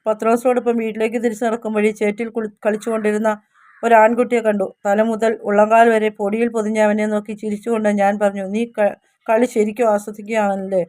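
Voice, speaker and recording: A woman narrating a scripted devotional story in the first person, measured and steady. Her voice is mellow and soft, held in a flat, even line with little rise or fall. She stumbles and restarts a word now and then. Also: on the high side.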